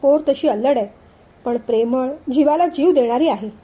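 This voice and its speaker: A woman voicing a playful young man in a storybook reading, gently teasing and calming his friend. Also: high-pitched, moderate pace, breathy edge. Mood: coaxing. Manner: playful, soothing, laughing. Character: cheerful teasing male friend, coaxing.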